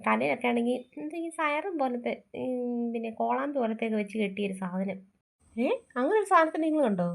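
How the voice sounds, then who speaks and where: A woman's voice: a little high, fast, gravelly. A woman voicing a grandmother in a family cartoon, who chatters and fusses over a crying boy. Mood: gossipy. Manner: chatty, fussing. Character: gossipy doting grandmother.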